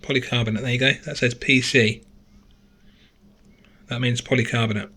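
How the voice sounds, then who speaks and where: A man's voice: mid-range voice, fairly even intonation, normal speed, pushed and bright, breathy edge. A man giving a casual, chatty phone teardown tutorial, thinking aloud and correcting himself as he goes, recorded on a camera mic at a desk indoors. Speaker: gadget reviewer.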